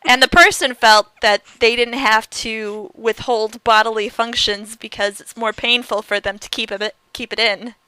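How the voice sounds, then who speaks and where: Bright, clear-voiced woman hosting. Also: fairly high pitch, fairly even intonation, moderate pace, hardly any pauses, no room sound, poor audio. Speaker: podcast host. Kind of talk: casual chat.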